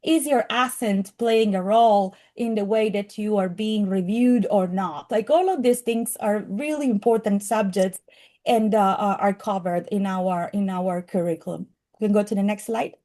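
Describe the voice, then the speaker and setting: A middle-aged woman with a strong Italian accent, giving a presentation earnestly and often pausing on fillers and restarts. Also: mid-range voice, warm tone. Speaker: program presenter. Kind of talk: presentation to an audience.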